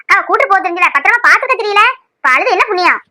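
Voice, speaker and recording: A shrill, scolding sister-in-law from a cartoon serial, voiced by a woman, with a very high, bright voice that rattles out accusations fast. The sound is close and dry, with no room around it. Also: lively intonation, no room sound, full character voice. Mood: scornful.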